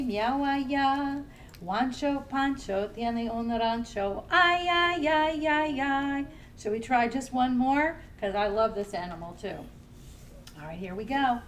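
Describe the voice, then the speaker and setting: A children's librarian leads a family storytime, singing nursery songs in English and simple Spanish while gently encouraging young children to join in. Her voice is high, and she sits somewhat distant from the mic, with slight background noise and faint music.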